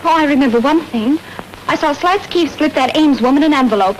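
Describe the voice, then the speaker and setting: Actress as a scared young Southern woman suspect, pleading; high voice, 1930s radio style. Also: fairly quick, slight background noise, natural voice, rough recording. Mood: frightened. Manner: pleading and frightened.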